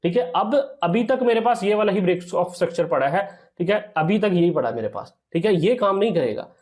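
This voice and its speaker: His voice sits high and a little mellow, with lively intonation and a fairly quick pace. Teaching trading, he talks through a strategy on a screen recording, frequently checking in with "theek hai" and calling viewers "sir".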